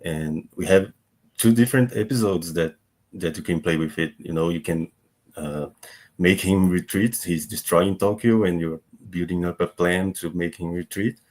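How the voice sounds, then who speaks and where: A man speaking as a game developer on a livestream panel, halting and often repeating words as he begins. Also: low voice, darkish tone.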